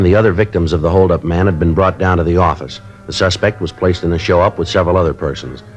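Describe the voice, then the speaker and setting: In a 1950s radio drama, an actor plays a terse, dogged middle-aged police sergeant who questions a suspect and narrates the case in a clipped, matter-of-fact way. His male voice is low-pitched and close to everyday speech, and the audio is dull.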